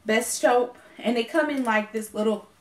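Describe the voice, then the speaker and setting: Fairly high-pitched and at normal speed, a hiccuping beauty vlogger rambles through a makeup haul, correcting herself and filling gaps with ums. The room echoes and there is a little hiss or hum.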